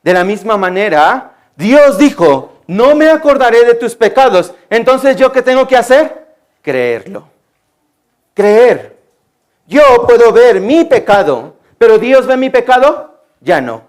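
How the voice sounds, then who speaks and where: High-pitched guy giving a kids' sermon real slow, asks q's then answers them himself, goes quiet and low on the answers. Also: sing-song. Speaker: preacher at a children's seminar. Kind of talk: sermon to children.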